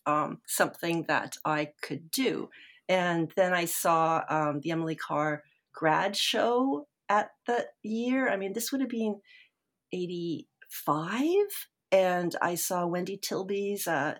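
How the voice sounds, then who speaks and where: Rambling woman guest, lowish voice. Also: fairly bright tone. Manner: rambling, self-deprecating, many fillers. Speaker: guest filmmaker. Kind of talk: casual interview conversation.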